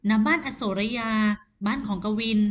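Woman narrating a romance audio novel. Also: moderate pace. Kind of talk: first-person novel narration.

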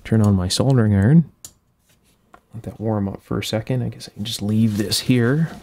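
Speaking at normal speed in a lowish, mellow voice, this man hosts an electronics repair channel. He methodically thinks aloud through a hands-on fix, step by step and unscripted, at an indoor workshop bench.

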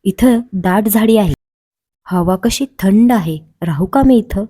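A woman's voice: mid-range voice, slow pace, warm tone, slightly rough, no room sound, studio quality. Woman voicing a polite storybook lion. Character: polite, proud male lion.

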